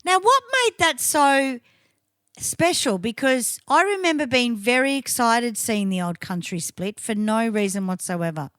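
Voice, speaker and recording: A woman's voice: a little high, animated, measured pace, a bit bright, no room sound, studio quality. A middle-aged woman with an Australian accent, co-hosting a casual podcast chat, enthusiastic and freely swearing. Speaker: podcast co-host.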